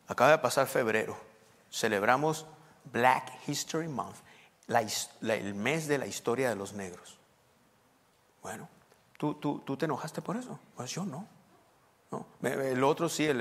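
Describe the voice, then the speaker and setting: A male preacher gives a loose, conversational sermon at a middle pitch. He drops into quiet asides and then bursts out loudly for emphasis. His voice rings with a long reverb, as if in a large church hall. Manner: emphatic, swings from hushed asides to loud outbursts.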